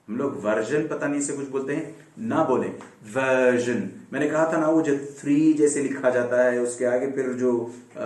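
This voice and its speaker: A man teaching English pronunciation, patiently repeating each word slowly to demonstrate it. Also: medium pitch, a little mellow, distant mic. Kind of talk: classroom lesson. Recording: echoey room, speaking away from the mic.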